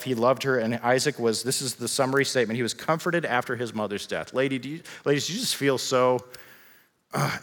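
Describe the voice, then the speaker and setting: Bright-voiced preacher in a reverberant hall. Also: male voice, mid-range voice. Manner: humorous, conversational preaching with rhetorical questions; father of children. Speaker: pastor. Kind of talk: sermon. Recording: long reverb of a large hall.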